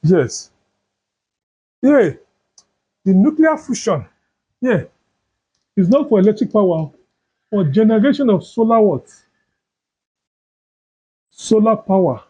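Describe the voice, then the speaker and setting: A male teacher giving a chemistry lesson, asking questions and answering them himself, repeating terms slowly. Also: sits high, expressive, dark tone, slightly rough. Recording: dull lo-fi sound.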